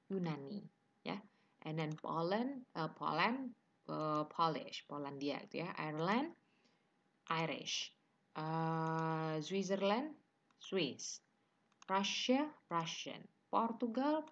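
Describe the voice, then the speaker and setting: A woman teaching English with an Indonesian accent, mixing Indonesian and English in an online class lecture and drilling word pairs slowly. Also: on the low side, breathy edge, dull audio.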